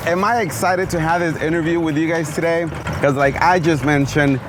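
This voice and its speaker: A man's voice: a little high, fairly even intonation, fairly quick, noisy background. A man hosting an interview show, talking with energy and mixing English with Spanish. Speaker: host. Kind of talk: upbeat show intro and interview. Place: outdoors in a vehicle. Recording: music playing behind.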